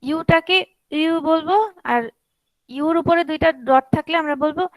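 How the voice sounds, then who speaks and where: A woman's voice: high voice, fairly even intonation, moderate pace, dry recording, low-quality recording. A young woman with a Bangladeshi Bengali accent teaching an online language class, patiently repeating vowel sounds.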